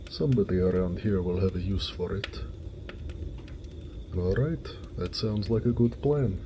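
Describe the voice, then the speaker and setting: In an audio roleplay, a man with a deep voice plays a gentle, hardworking orc blacksmith who muses to himself in a homely, weary yet good-natured way. Background noise can be heard.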